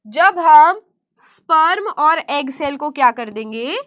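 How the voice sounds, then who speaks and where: Lady teacher with a super high voice, talks slow, keeps asking the class stuff and answering it herself. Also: expressive, fairly bright tone. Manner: repeats questions and answers them herself, coaxing; speaks slowly and deliberately. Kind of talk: online class lecture.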